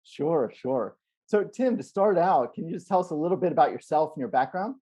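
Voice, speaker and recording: A middle-aged man hosts a casual video interview with upbeat enthusiasm. His voice is mellow and soft-edged, and he sometimes restarts a phrase. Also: on the high side, lively intonation, brisk, slightly rough. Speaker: podcast host. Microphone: wired earphones on video call.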